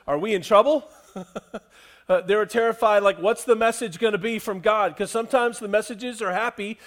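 A man with a high, light voice preaches a sermon as a pastor. He drops from ringing emphasis to near-hushed quiet, repeating phrases and putting questions to his listeners.

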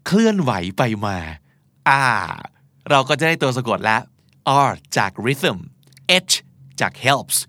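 A man's voice: medium pitch, big pitch swings, slow pace, sharp tone, no echo. A man hosting a casual spoken lesson. He talks politely and spells words out letter by letter as he explains them patiently. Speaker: host teaching English spelling.

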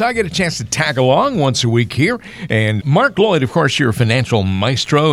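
Friendly radio co-host, dry studio sound. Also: male voice, mid-range voice, no room sound. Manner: friendly announcer tone, reads phone numbers, asks prompting questions. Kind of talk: radio show announcing and chat. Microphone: studio mic.

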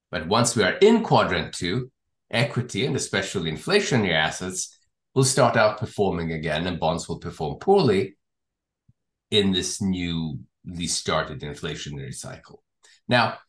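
A man with a low voice presents as a podcast host. He explains in a measured way, with lively rises and falls. The room adds noticeable echo. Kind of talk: podcast discussion, summarizing and signing off.

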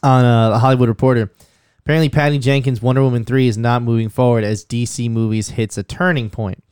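A man's voice: medium pitch, steady tone, quick pace, a little mellow, clear, resonant tone, dry recording, studio quality. A young man hosting a casual podcast, joking and swearing loosely, his voice thick with phlegm. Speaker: podcast host.

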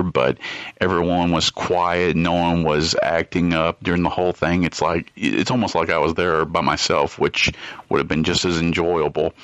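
A man leaving a rambling voicemail message that is played back, pausing often with uh fillers. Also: low voice, a bit bright, no echo, muffled recording. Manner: hesitant, with frequent uh fillers. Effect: played-back voicemail recording. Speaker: listener sending a voicemail.

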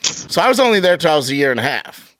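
A man in his thirties co-hosting a podcast, loud and swearing freely as he jokes. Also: on the high side, sing-song, fast, no echo. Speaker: podcast co-host. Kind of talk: casual chat.

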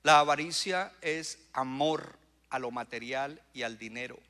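A male pastor preaching a sermon, surging into loud emphatic bursts and calling out to the congregation. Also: mid-range voice, a little slow. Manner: preaching with rising bursts of emphasis and audience call-outs. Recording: long hall reverb.

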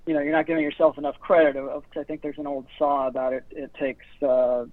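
A man hosting an interview podcast, his voice sitting a bit high for a man. He talks in a friendly, conversational way with some repeated words. The recording is dry and close, with a narrow, phone-like sound. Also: little pitch movement, fast, no echo. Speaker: podcast host.

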